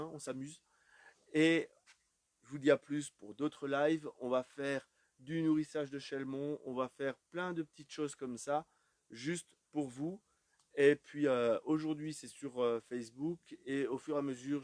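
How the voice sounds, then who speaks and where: A man's voice: mid-range voice, normal speed, a little mellow, no echo. A man giving a casual live walkthrough of an aquarium shop, chatting loosely with plenty of fillers as he walks around. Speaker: aquarium shop tour host.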